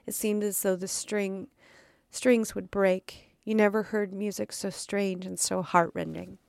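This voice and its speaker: A woman hosts a podcast and reads a dark story aloud with dramatic delivery, stumbling now and then. Her voice is smooth yet gravelly, recorded close and dry. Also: mid-range voice, dry recording. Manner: dramatic reading with occasional stumbles and asides. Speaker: podcast host. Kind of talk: storytelling reading.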